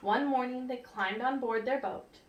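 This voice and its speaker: A female storyteller with a fairly high voice reads a picture book aloud to young children, stopping to ask them questions and explain things. Her manner is expressive and teacherly. The recording is roomy and echoey, with a distant mic and faint noise.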